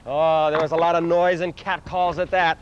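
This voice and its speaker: A man performing an animated comic monologue outdoors in a city park, acting out voices and sound effects, on a dull lo-fi video recording. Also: a little high, normal speed. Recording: dull lo-fi outdoor video with faint street noise.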